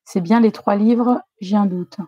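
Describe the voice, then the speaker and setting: Mellow-voiced woman hosting a live stream. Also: medium pitch, unhurried, breathy edge, no echo, muffled recording. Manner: chatty, greets viewers and reads out the chat. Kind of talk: casual live-stream chat.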